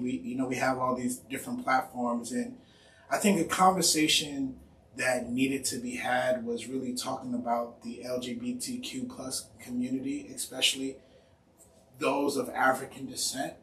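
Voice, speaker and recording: A man's voice: mid-range voice, a bit bright. A man hosting a podcast interview, talking in a casual, slangy way with lots of "you know". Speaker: podcast host. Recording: roomy, distant mic, faint noise.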